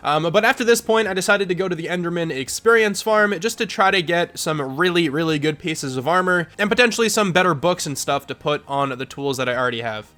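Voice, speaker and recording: A man's voice: on the high side, fairly quick, hardly any pauses, pushed and bright. A congested young man casually commentating his own game footage as the channel host, chatty and rambling with lots of fillers. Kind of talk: casual let's play commentary.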